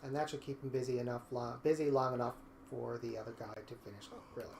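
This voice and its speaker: A man streams a life-sim game and narrates each move as he plays, turning now and then to speak to the viewers. Clear computer fan noise runs under his voice. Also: mid-range voice, fairly even intonation, fast talker, a little mellow. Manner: talks to the viewers and narrates his own play. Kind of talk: casual gameplay commentary.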